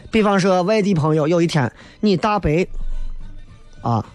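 Soft music sits behind a high, animated male voice moving at a moderate pace. The speaker, a comedy host from Xi'an with a Shaanxi accent, gives a colloquial, humorous take on local dialect and city life, slipping in impressions along the way.

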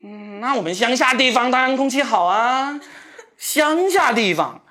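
A man's voice: very high voice, expressive, measured pace, pushed and bright, pitched above the performer's own voice, heavily acted. A man voicing a proud, chatty older male Shanghai taxi driver with a Shanghai accent, as part of a stand-up routine. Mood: boastful. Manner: boastful, patronizing, eager to chat.

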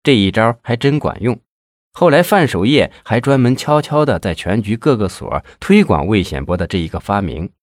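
A man narrating a crime novel in a lively storytelling manner. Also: on the low side, moderate pace, no echo, clean studio sound. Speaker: audiobook narrator. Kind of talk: scripted narration.

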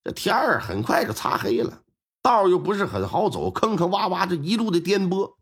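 A man telling a traditional crime story aloud in a lively, colloquial manner, stretching out the particles at the ends of his phrases. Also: high-pitched, husky. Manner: lively, colloquial, with drawn-out sentence-final particles. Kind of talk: Chinese storytelling performance.

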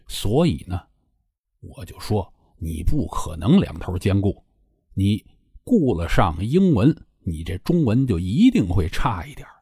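Husky middle-aged man, lively chatty talk. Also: fairly low pitch, no echo, clean studio sound. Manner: chatty, wry storyteller addressing listeners politely. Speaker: podcast host. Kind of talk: casual solo chat.

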